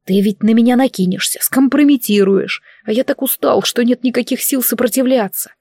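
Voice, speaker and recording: A woman's voice: fairly high pitch, measured pace, a little mellow, no room sound, studio quality, natural voice. A woman voicing a drowsy, teasing male dragon prince in a storybook reading.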